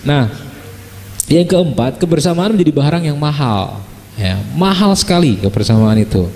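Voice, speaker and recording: Warm-voiced joking male preacher. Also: fairly high pitch, lively intonation, moderate pace, big-room sound, slight background noise. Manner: chatty, joking, with frequent "ya" and "gitu kan" tags. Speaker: Islamic preacher. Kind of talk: humorous religious lecture.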